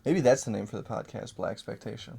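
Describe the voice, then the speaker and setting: A man's voice: fairly low pitch, a little fast, gravelly, dark tone, breathy edge. A man co-hosting a casual podcast, telling rambling stories full of fillers and swearing. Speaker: podcast co-host. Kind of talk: casual chat.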